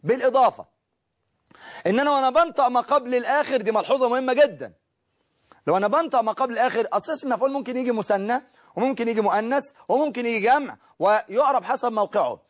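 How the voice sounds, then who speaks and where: Egyptian guy teaching grammar, high voice, talks fast, keeps checking students follow. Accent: Egyptian Arabic. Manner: explains step by step, checks in with students. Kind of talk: recorded grammar lesson.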